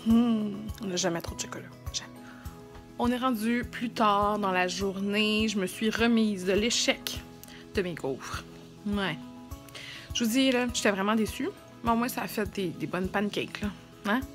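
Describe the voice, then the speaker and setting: Woman, thirties, Quebec French accent, casual vlogger, chatty, self-deprecating, average pitch, some background music. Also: moderate pace. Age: 30s. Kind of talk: casual vlog chat to camera.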